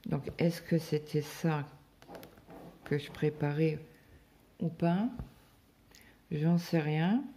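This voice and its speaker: This French woman chats casually on her cross-stitch vlog, rambling through everyday stories full of fillers as she recovers from a stomach bug. Her low, mellow voice stays steady, with drawn-out words and frequent pauses. There's slight background noise.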